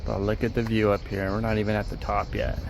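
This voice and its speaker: A man talking in a relaxed, teasing way as a travel vlogger. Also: on the low side, fast, vocal fry. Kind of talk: casual travel vlog. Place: outdoors. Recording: background noise outdoors.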